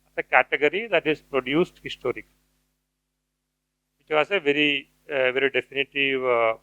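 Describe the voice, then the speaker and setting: A man's voice: mid-range voice, normal speed, sharp tone, clean tone, no echo, lo-fi sound. Man giving a hesitant academic lecture. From India. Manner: hesitant, many fillers and restarts. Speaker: guest speaker, cultural theorist.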